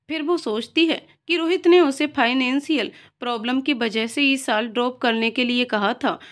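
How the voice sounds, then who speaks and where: High-voiced woman narrating a story.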